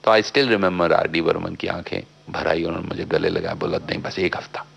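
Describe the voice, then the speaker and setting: Male filmmaker guest, low and gravelly, an outspoken, animated radio-interview storyteller who mixes in English. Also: normal speed. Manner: talkative and outspoken.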